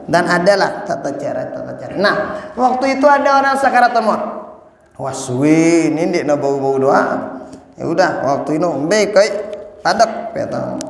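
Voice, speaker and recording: A man preaching an animated sermon, speaking straight to his congregation and chanting lines of the creed. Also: on the high side, vocal fry. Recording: echoey hall.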